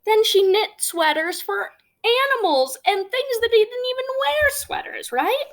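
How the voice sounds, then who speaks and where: Speaking at a measured pace in an extremely high pitch, a woman walks young children through a storybook. She's a teacher at a read-aloud, checking in with simple questions as she goes.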